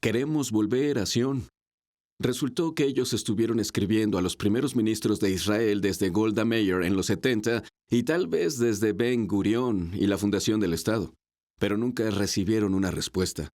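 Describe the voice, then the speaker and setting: A man from New York, an interview guest, telling his story in a measured, conversational way. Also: fairly low pitch, a little mellow.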